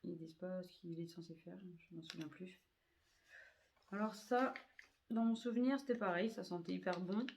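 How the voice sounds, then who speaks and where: A woman's voice: on the low side, normal speed, long pauses, darkish tone, slight background noise. A woman reviewing used-up beauty products in a chatty way, full of hesitations and fillers. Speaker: beauty vlogger.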